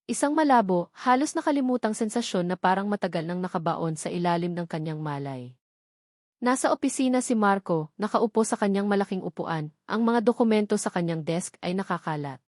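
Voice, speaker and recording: A Filipino-accented woman serves as narrator for a dramatic, scripted romance tale. The clean studio recording is dry, and her medium-pitched voice carries a somewhat dark tone.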